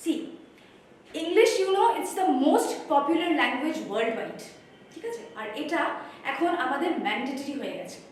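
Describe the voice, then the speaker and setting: A Bengali-accented woman teacher lays out her spoken English course step by step, switching between Bengali and English. Her voice sits high and lands from a distance in a very echoey room. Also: slight background noise. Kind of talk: course introduction lesson. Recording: roomy echo, voice from far off.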